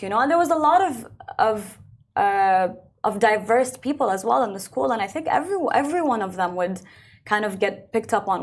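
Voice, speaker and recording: Chatty young woman singer, reflective. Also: medium pitch. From Belgium. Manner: chatty and reflective, many filler words. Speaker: singer and interview guest. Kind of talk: casual interview conversation.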